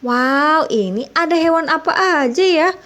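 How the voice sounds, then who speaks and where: A woman's voice: high-pitched, expressive, moderate pace, fairly bright tone. A woman narrating playfully for young children, exclaiming often like a kids' party magician and addressing her viewers as friends. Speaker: children's toy video host.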